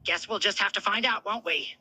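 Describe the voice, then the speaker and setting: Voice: mid-range voice, brisk, sharp tone, no echo, voice pushed up. A performer voicing a smitten, confident alien commander from a cartoon fan dub, articulate and wry.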